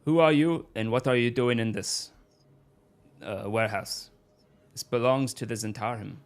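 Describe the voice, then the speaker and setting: A man's voice: medium pitch, normal speed, lightly acted. A man voicing a wary, guarded female gang member with formal, clipped phrasing in a tabletop game. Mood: suspicious.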